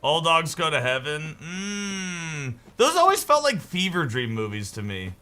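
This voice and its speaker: A young man streaming a game, chatting casually and joking in a rambling way with sudden excited yelps. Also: fairly high pitch, a little slow, a little hiss or hum. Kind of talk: casual chat while gaming.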